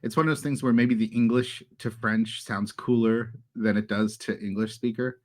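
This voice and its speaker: A man's voice: fairly low pitch, steady tone, normal speed, darkish tone. A man hosting a travel podcast in casual chat, often laughing as he talks. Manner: laughs often while talking. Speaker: podcast host.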